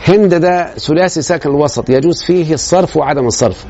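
A man's voice: fairly high pitch, fast, dark tone, highs cut off, slight background noise. A man with an Egyptian Arabic accent giving a grammar lecture to a class. He explains step by step and keeps checking that his students follow.

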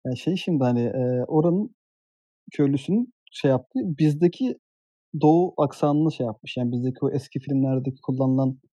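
Man, quick hesitant podcast chat, dark husky voice. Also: medium pitch, no echo, muffled recording. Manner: hesitant, many fillers and restarts. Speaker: podcast co-host. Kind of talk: casual chat.

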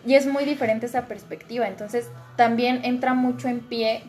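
A woman's voice: a little high, fairly even intonation, moderate pace, a little mellow, faint music behind. A young woman with a Mexican accent in casual podcast chat, earnest and advice-giving, with slang. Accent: Mexican Spanish.

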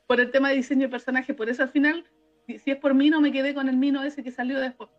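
A woman's voice: high-pitched, fairly even intonation, fast talker, highs cut off. A Chilean woman co-hosting a podcast, chatting casually about an anime and often restarting her sentences. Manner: chatty, hesitant, trailing restarts. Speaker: podcast co-host. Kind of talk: casual anime review chat.

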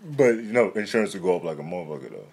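A man's voice: sits low, sing-song, racing, vocal fry, darkish tone. A young man in casual chat, slangy and profane, teasing his friend.

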